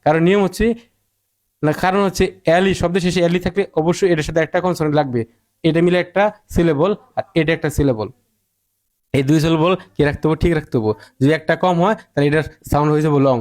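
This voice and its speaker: Man teaching spelling, slightly high voice. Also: darkish tone. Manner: repeats words and asks rhetorical questions; sounds out words slowly, syllable by syllable. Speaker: English teacher. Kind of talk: spelling and pronunciation lesson.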